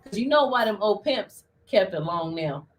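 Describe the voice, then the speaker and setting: A woman co-hosting a casual chat, animated and playful, telling stories with a lot of expression. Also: mid-range voice, normal speed. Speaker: podcast co-host.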